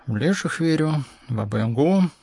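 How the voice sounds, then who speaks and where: A man voicing a calm, stubborn schoolboy who refuses to give in. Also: on the high side, moderate pace, creaky, husky, no room sound, voice pushed up, full character voice. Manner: calm and firm.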